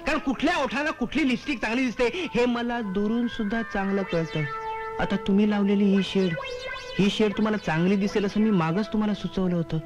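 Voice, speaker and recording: An actor playing a smooth-talking young male con man and salesman, cheeky and quick with excuses, in a 1980s comedy film. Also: high voice, natural voice. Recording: old film soundtrack with background music.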